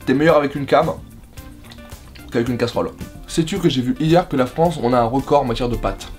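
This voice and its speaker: A man's voice: medium pitch, fairly quick, darkish tone, soft background music. Joking man hosting a food vlog. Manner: joking, teasing his cameraman. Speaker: food vlogger host. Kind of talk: casual vlog chat.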